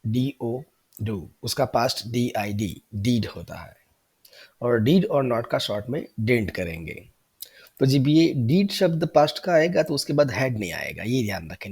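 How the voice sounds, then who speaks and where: A man teaching an English grammar lesson, explaining patiently and repeating example sentences slowly. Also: mid-range voice, gravelly, a little mellow, slightly rough. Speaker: English tutor.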